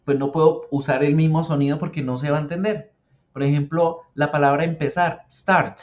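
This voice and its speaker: A man's voice: fairly high pitch, fairly even intonation, a little mellow. Patient man teaching English pronunciation. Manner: patient, repeats words slowly for the learner. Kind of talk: explaining English grammar and pronunciation. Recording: dull lo-fi sound.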